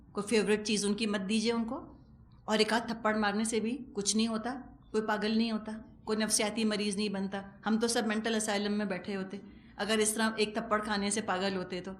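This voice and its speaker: A middle-aged woman giving a religious lecture as a Quran teacher, conversational and animated, with wry humor and acted-out asides. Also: medium pitch. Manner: animated, acts out quoted speech.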